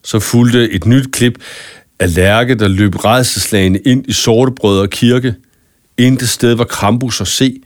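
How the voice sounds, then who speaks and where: A man narrating a children's story in an expressive scripted reading, close to a studio mic. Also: mid-range voice, dry recording. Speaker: audiobook narrator. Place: studio booth.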